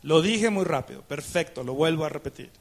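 A man preaching a sermon. He keeps turning to the congregation with questions and acts out little dialogues with God, shifting between slow, weighty phrases and quick asides. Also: on the high side, animated. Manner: asks the congregation questions, rhetorical and emphatic. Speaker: pastor.

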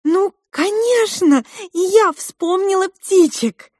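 A woman voicing an excitable little girl with a high, eager voice. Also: slow pace, no room sound, clean studio sound, exaggerated voice.

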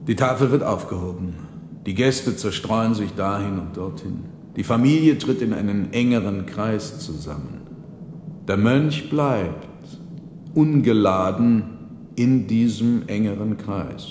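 A man narrating a radio drama in a measured, grave storytelling manner. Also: lowish voice, darkish tone, a little hiss or hum. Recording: roomy reverberant hall.

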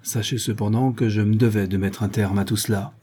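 A man's voice: lowish voice, fairly even intonation, fairly quick, mellow, husky. A man voicing a cold, tense male police inspector who gives curt, commanding orders in an audiobook.

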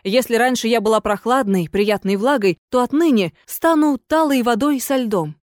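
A woman's voice: normal speed, darkish tone, dry recording, studio quality, close to an everyday voice. A woman voicing a ghostly lady of an old manor who turns from haughty to desperate and imploring in a read-aloud story. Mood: threatening. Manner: shrill and imploring. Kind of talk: audiobook character voice.

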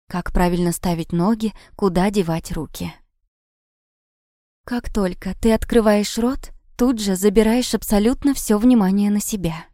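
A woman reading a first-person novel aloud in a lively storytelling manner. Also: mid-range voice, no echo, studio quality. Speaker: audiobook narrator.

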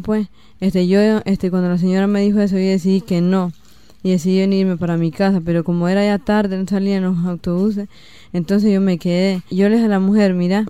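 A young woman with a Nicaraguan accent tells her story in halting testimony, stopping often on fillers. Her delivery is flat and mellow, very clean, and recorded dry and close. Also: mid-range voice, clean tone, no echo. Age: young adult. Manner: halting, many "este" fillers. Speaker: interviewee giving testimony. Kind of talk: personal testimony.

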